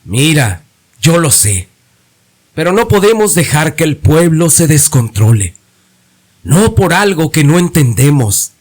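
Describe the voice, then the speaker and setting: A cautious, weary village priest, as a man reads him out in a horror tale. He speaks slowly and calmly, reasoning with care. His pitch sits a little high and moves a lot. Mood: grave.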